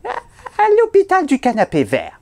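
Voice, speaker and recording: A man's voice: very high voice, huge pitch swings, moderate pace, vocal fry, a little mellow, voice pushed up, heavily acted. A man voicing a hospital nurse woman in a clumsy put-on Haitian French accent, exaggerated and sing-song. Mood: cheerful. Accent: Haitian French, put on badly.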